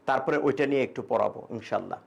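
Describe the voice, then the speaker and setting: The recording is muffled, and this young man talks quickly at medium pitch with vocal fry. Teaching English grammar online for exam prep, he speaks casually in Bengali, uses English examples, and reads out and answers student questions.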